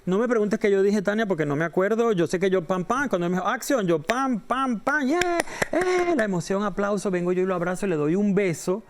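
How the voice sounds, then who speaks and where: A middle-aged man from Venezuela tells stories as an interview guest, his voice sitting a little high for a man. He acts out every character in his anecdotes, his pitch leaping up whenever he quotes someone. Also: fast talker, hardly any pauses, a little mellow, slight background noise. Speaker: entertainment reporter, interview guest. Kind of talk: animated storytelling in an interview.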